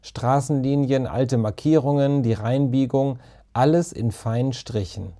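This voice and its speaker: A man narrating a children's story in a calm, even storytelling manner. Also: mid-range voice, a little slow. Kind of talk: audiobook reading of a children's story.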